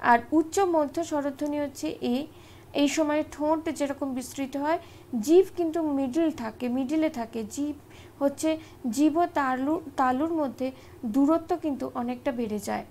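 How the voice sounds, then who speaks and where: A woman's voice: sits high, a little mellow. A woman teaching an exam-prep grammar lesson, explaining step by step and often checking in with short tag questions.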